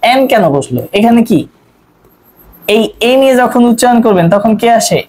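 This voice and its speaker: A young man from Bangladesh teaching an online grammar lesson as an English tutor. He keeps asking quick questions and answering them himself, repeating each rule to drill it in. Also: very high-pitched, animated, darkish tone, poor audio.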